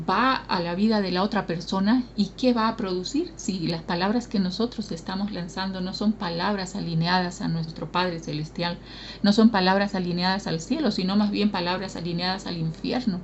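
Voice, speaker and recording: A woman's voice: lowish voice, dull audio, a little hiss or hum. A woman preacher from Bolivia, giving an earnest sermon and asking the congregation questions.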